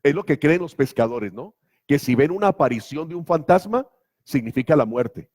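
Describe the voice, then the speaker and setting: A man's voice: a little high, expressive, normal speed, a little mellow. A man preaching a sermon as pastor, emphatic and full of rhetorical questions. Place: church.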